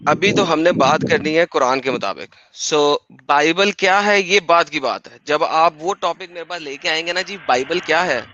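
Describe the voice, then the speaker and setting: A man's voice: on the high side, hardly any pauses, pushed and bright. A man hosting a live-streamed debate, insistent and polite, with formal honorifics. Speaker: livestream debate host. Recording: dull lo-fi stream audio.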